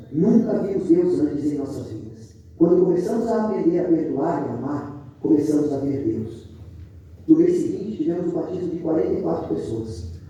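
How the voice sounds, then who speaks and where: A man's voice: on the high side, a little hiss or hum. A man preaching as a pastor, telling a story in a storytelling sermon and acting out the dialogue dramatically. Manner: retells dialogue in a lively, dramatic way. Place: church sanctuary. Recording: echoey church hall, voice from a distance.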